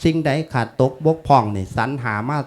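A man's voice: mid-range voice, expressive, brisk. A man in his fifties, a monk with an Isan accent, giving a folksy, chatty funeral sermon laced with chanted Pali. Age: 50s.

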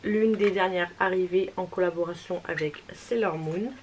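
A woman's voice: fairly low pitch, normal speed, noisy background. Chatty woman beauty vlogger. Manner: chatty, repeats "voilà" often, apologetic. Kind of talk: casual makeup haul vlog.

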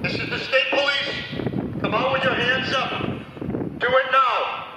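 A police officer giving commanding, repeated orders through a megaphone outdoors on a street. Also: male voice, very high voice, fairly even intonation, unhurried. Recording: echoey, distant, noisy street recording.

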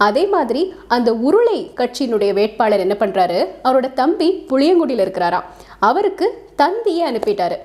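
Female narrator, fairly high, mellow voice, relaxed explanatory storytelling. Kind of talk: narrating a short story with introduction.

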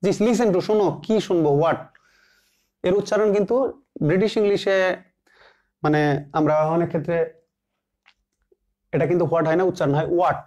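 A man teaching English grammar, slowly repeating example sentences word by word and answering his own questions. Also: sits high, warm tone. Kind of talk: classroom grammar lesson.

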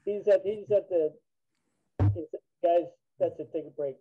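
A man in his fifties, a former drum line member, telling a memory in a halting way with many fillers. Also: high voice, a little hiss or hum. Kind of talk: casual reminiscing chat. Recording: tinny phone-like call audio.

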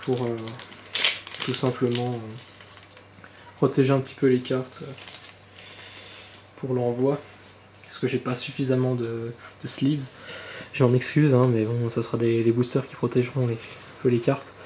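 A man's voice: medium pitch, level tone, measured pace, pauses often, dark tone, echoey room, slight background noise. A man hosting a casual card-unboxing commentary, chatty and rambling, swearing now and then. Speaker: channel host opening trading card boxes. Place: indoor room with birds outside.

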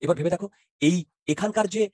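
Bengali-guy teaching physics online, talks quick, keeps asking if u got it, dry close mic. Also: high-pitched, a little mellow, dry recording. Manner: keeps checking if students follow, mixes in English terms. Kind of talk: interactive online class.

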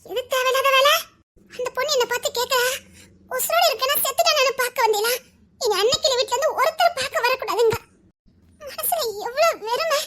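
A woman playing a sobbing young wife, very high-pitched. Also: a little fast, pushed and bright. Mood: tearful, anguished. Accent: Tirunelveli Tamil. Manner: sobbing, breaking voice, repeated pleas. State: crying. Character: distraught young wife, weeping, frightened, threatening to leave. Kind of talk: tearful melodrama.

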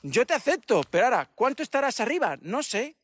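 A man hosting a casual livestream chat, talking in an animated way with rhetorical questions and mocking imitations. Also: very high-pitched, fast talker, breathy edge, no echo. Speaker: livestream host.

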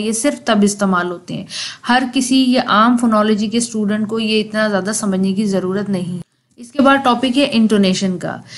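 Young woman lecturing. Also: on the high side. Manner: explains step by step with spoken examples. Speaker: teacher.

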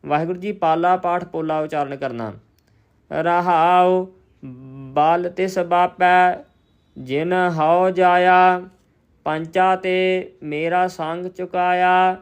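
A man recites scripture verse by verse in a high, smooth, resonant voice, keeping a slow, steady, flat chant. Between verses he stops to explain the correct pronunciation as a teacher. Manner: chants verses slowly and evenly, then explains pronunciation briskly.

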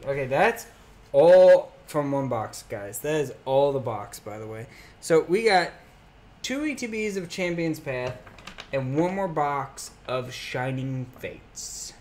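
A man's voice: fairly high pitch, a little mellow. A young man streaming live, reading card names aloud as he opens packs and chatting casually with his viewers.

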